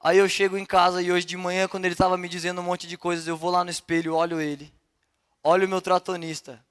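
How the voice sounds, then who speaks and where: High-voiced young Brazilian preacher. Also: male voice, fast, clear, resonant tone. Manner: animated and conversational, acting out dialogue. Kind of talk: sermon. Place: church service.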